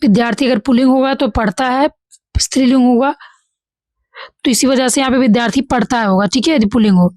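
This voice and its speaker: A woman with a Bihari Hindi accent teaches an exam-prep grammar lesson, reading each example and then correcting it, often saying "ठीक है". Her voice is a little high and darkish, she speaks fast, and the recording is dry.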